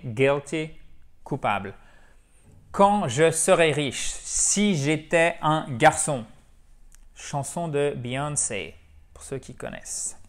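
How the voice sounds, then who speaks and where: Chatty man teaching English. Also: mid-range voice. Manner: lively, chatty, drills words by repetition. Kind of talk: French-language English lesson.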